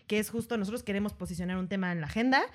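A woman with a Mexican accent co-hosts a relaxed podcast chat. She talks in a slangy, rambling way, often restarting her phrases, at an ordinary middle pitch. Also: very fast. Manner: chatty, slangy, with frequent restarts. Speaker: podcast co-host.

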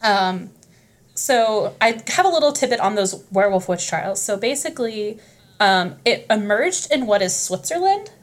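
A woman's voice: medium pitch, lively intonation, moderate pace. A young woman guest on a casual podcast, telling history stories in a rambling, profane way with many fillers and asides. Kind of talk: casual storytelling chat.

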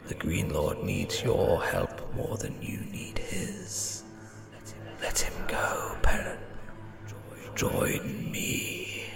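Ghost voice, menacing tempting spirit, whispered role-play, very slow, music behind. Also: sits low, huge pitch swings, vocal fry, pitched below the performer's own voice, full character voice. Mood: seductive, eerie.

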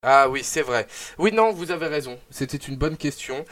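A young man hosts a live radio show, announcing segments and running a quiz with lively, animated energy and plenty of fillers. His voice is fairly high, and he talks at a normal speed.

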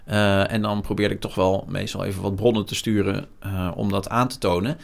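A man in his forties, a news journalist, talking frankly and reflectively in an interview, often pausing with hesitations. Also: on the low side, flat delivery, gravelly. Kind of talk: candid interview conversation.

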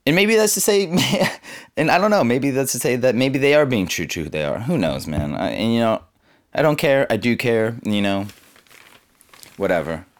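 A man's voice: mid-range voice, animated, normal speed. A man in his twenties from Southern California, rambling casually to the camera in a laid-back, slangy, cynical way, full of fillers. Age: 20s. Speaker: vlogger.

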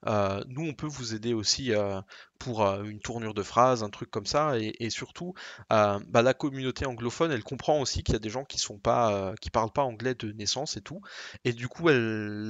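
A man's voice: mid-range voice, a bit bright, dry recording. A chatty man from France co-hosts a casual podcast, drifting from thought to thought with plenty of hesitations. His voice sits in a middle range and comes through dry and close, with no room sound at all. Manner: chatty, rambling with many fillers. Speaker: podcast co-host.

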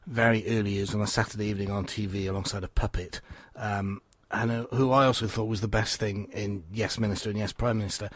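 Guy hosting an interview, eager questions, lowish voice, super dry close mic. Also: fairly even intonation, fast, hardly any pauses, dry recording. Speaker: radio host. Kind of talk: interview, presenting.

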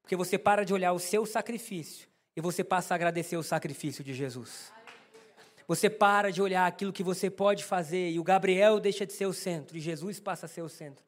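High-voiced Brazilian pastor preaching. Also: male voice, fairly quick. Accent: Brazilian Portuguese. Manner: lively storytelling, tells a personal story with humor; talks straight to the congregation. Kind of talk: sermon.

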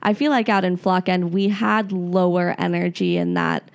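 A woman's voice: lowish voice, normal speed. A woman talking casually on a sports podcast about the fan section's energy, laughing and correcting herself. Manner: giggly, self-correcting. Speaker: supporter-section guest.

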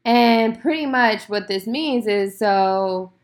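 A woman's voice: a little high, slow pace. A woman hosting a casual solo podcast, talking in an emphatic, indignant, slangy and conversational way. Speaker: podcast host.

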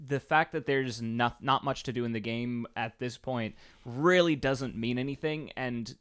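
A man with a smooth, resonant voice chats easily on a podcast. He stops now and then to explain things plainly for listeners. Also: medium pitch, unhurried, a bit bright. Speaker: podcast co-host. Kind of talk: casual chat.

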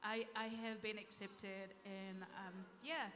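A woman from Tonga sharing a heartfelt church testimony in a soft-spoken way. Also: mid-range voice, fairly even intonation, slow pace, long reverb tail. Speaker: panel speaker at a church event. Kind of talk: testimony talk.

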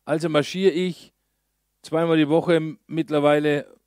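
A male pastor preaching a sermon, telling a story in a lively way with slow, emphatic pauses. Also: a little high, no echo, studio quality.

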